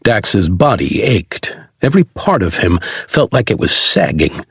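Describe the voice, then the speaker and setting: Husky male audiobook narrator. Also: on the low side, big pitch swings, measured pace, fairly bright tone, no echo.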